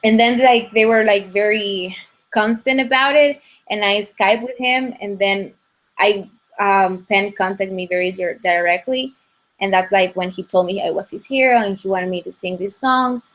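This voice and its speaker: Guest: young woman, English, halting and restarting, over a video call. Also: mid-range voice, a bit bright. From Ecuador. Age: young adult. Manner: halting, many restarts and fillers. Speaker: guest singer.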